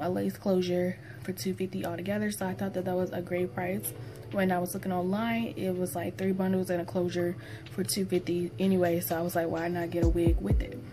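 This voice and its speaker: A woman's voice: medium pitch, dark tone. Young woman chatting, mouth stitched after tooth extraction. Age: young adult. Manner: informal, rambling. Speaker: beauty vlogger. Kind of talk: casual product review chat. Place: small indoor room. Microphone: phone propped at arm's length.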